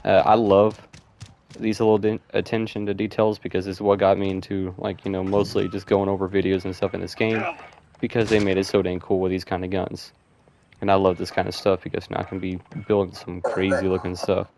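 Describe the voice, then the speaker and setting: A man's voice: low-pitched, flat delivery, fairly quick, darkish tone, slight background noise. A man giving casual, rambling gameplay commentary, thinking aloud with lots of fillers. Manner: rambling, loose, with frequent fillers like "and stuff".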